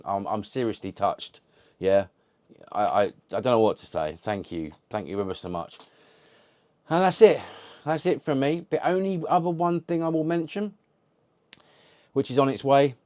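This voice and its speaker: In a somewhat low, slightly mellow voice with no echo, a retro gaming channel host chats casually to camera while unboxing. He wanders from point to point, swears constantly and often restarts what he's saying.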